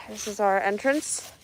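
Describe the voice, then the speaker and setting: A woman from the northwestern US narrates her own outdoor vlog on a handheld phone, wandering and commenting as she goes. Her voice sits in a middle pitch, and her delivery is casual and dry, with a sarcastic edge. She mutters to herself while searching for things. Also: background noise. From Spokane, US. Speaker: vlogger exploring a burned cemetery. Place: outdoors in a smoky burned forest cemetery.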